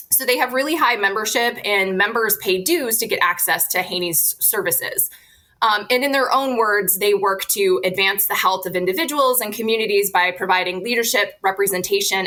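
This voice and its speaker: A woman guest on an interview podcast, explaining her research in a relaxed, explanatory way with frequent fillers. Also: mid-range voice, low-quality recording.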